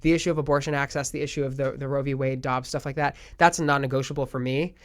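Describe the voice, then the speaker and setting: Young guy, smooth clear voice, earnest, mulling over elections out loud. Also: mid-range voice, steady tone, quick pace. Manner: earnest, reflective, thinks aloud. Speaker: podcast host. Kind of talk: casual political chat.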